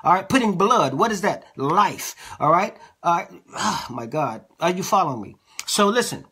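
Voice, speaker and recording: A man's voice: high voice, lively intonation, moderate pace, bright, forceful tone, husky. A man teaching a sermon as an apostle, reading scripture and explaining it in a conversational way, often checking in with his listeners. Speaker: apostle, preacher.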